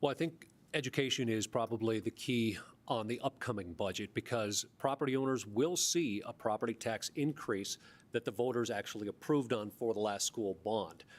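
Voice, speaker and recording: Low-voiced man answering at a forum. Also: normal speed. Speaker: mayoral candidate. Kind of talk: debate answer.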